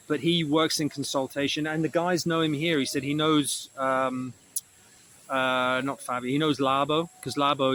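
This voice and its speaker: A man's voice: medium pitch, fairly bright tone, slight background noise, low-quality recording. A man recording a casual, rambling video diary, swearing often and correcting himself, with a mildly sore throat. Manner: meandering, self-correcting, frequent swearing. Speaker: vlogger.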